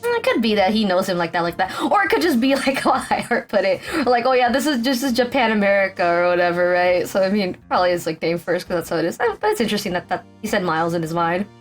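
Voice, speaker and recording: A woman's voice: fairly low pitch, big pitch swings, quick pace, hardly any pauses, soft background music. A young woman casually commenting as she plays a story game, chatty and full of fillers. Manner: chatty, filler-heavy, reads characters aloud. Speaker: let's play streamer.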